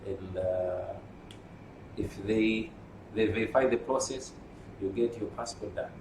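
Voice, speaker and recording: Man, low voice, measured and explanatory, distant mic, noisy background. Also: gravelly. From Malawi. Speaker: union secretary general. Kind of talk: interview answers. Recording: roomy, distant mic with noise.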